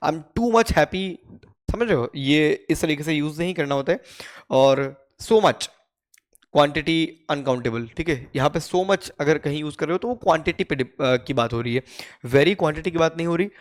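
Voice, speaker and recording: Indian male English teacher, slightly high voice; patient explainer who reads the examples slowly. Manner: repeats "ठीक है?" to check understanding, reads English examples slowly. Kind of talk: explaining grammar to learners.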